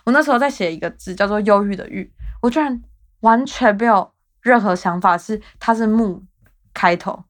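A woman's voice: medium pitch, moderate pace. A woman in her twenties with a Taiwanese Mandarin accent, hosting her podcast in a rambling, self-mocking casual chat. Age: 20s. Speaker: podcast host.

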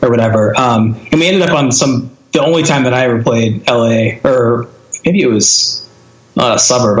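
A man in his thirties, a guest in a casual podcast interview, talking in a laid-back, rambling way with a lot of fillers and casual swearing. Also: mid-range voice. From born in Boston, raised in Connecticut and Wisconsin. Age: 30s. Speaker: interview guest, filmmaker and former hardcore musician. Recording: roomy echo.

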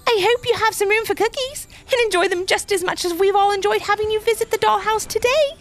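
A woman's voice: extremely high pitch, fast talker, faint music behind, pitched above the performer's own voice. A woman voicing a sweet, friendly mother doll who welcomes a child into her home. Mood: welcoming. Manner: warm and welcoming.

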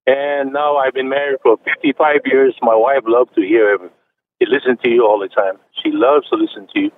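Heard through a tinny phone connection with a bit of background noise, a man in his late seventies from China chats on a radio call-in show. He talks at a moderate pace in a medium pitch with big swings, often using fillers and starting over.

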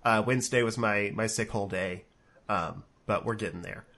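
His voice is on the low side, creaky and fairly bright, at normal speed. He's a man co-hosting a laid-back online show from a room at home, recorded through a webcam on a remote call. Stuffed up with a cold, he rambles with frequent fillers and restarts.

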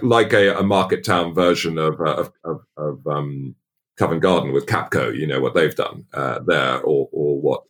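A middle-aged man from England in casual podcast chat, talking haltingly with many restarts and fillers. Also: extremely low pitch, husky.

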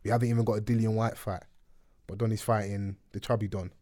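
A man's voice: lowish voice, little pitch movement, quick pace, mellow, no room sound, clean studio sound. A man with a London roadman accent and slangy speech, hosting a casual podcast chat. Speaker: podcast host. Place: studio.

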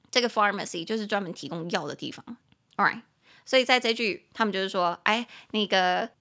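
A young woman with a Taiwanese Mandarin accent hosting a podcast English lesson, mixing Mandarin and English and slowly spelling words out letter by letter. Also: mid-range voice, fairly bright tone. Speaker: podcast host and English teacher.

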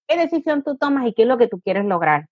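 A fairly high-voiced woman explains parenting ideas as an interview guest. She talks in an explanatory way and now and then acts out a parent or a child. The sound is dull and lo-fi, with a dry and close room. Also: sing-song, fast talker, husky, no echo. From Puerto Rico. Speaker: positive discipline educator and coach. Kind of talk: interview answers.

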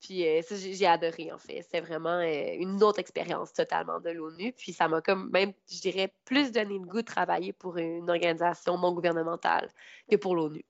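A woman's voice: on the low side, steady tone, fairly quick, gravelly, dry recording. A young woman from Canada with a Québécois French accent, answering interview questions casually, hesitating with many fillers and laughing often. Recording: dull lo-fi recording.

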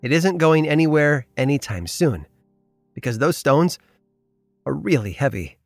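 A man's voice: fairly high pitch, lively intonation, a little slow, creaky, faint music behind. A man reading scripted storytelling narration. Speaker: podcast narrator.

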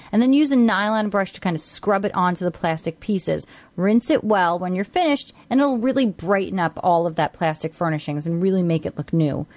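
A woman's voice: medium pitch, darkish tone, no room sound. Upbeat female radio co-host, dry studio. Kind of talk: chatty home tips and show segments.

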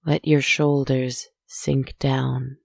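Low, creaky, hushed woman's soothing storytelling. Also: flat delivery, no echo, studio quality. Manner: slow, deliberate, poetic phrasing. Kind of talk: soft, scripted guided relaxation storytelling.

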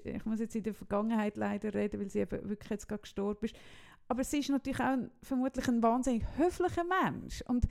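A woman's voice: a little high, steady tone, fast, creaky, few pauses, darkish tone. A woman with a Swiss German accent, co-hosting a podcast and telling a story in casual chat with many restarts. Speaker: podcast co-host.

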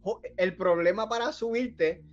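A man with a high voice, recorded on slightly dull, lo-fi audio with faint music behind him. He breaks into a friend's story in casual chat and takes over the telling. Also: measured pace. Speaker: podcast co-host.

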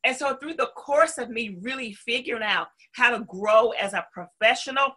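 A woman's voice: fairly high pitch, normal speed, pushed and bright. A middle-aged woman with a Southern US accent, telling her story conversationally as an interview guest, emphatic and full of folksy asides. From North Carolina, southern United States.

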